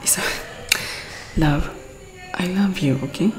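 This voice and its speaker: Soft background music accompanies a woman with a Filipino accent whose fairly low, darkish voice moves slowly through an intimate ASMR roleplay. As an exasperated but doting girlfriend, she scolds playfully, coaxes tenderly, and code-switches into English. The room is echoey, with long reverb and faint background noise.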